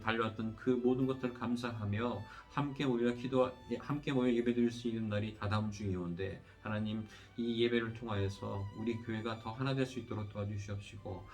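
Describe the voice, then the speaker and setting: Low-voiced man leading earnest prayer. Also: a little mellow. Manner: earnest, pleading prayer cadence with repeated address to God. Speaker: missionary preacher. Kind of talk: sermon and led congregational prayer. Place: church sanctuary.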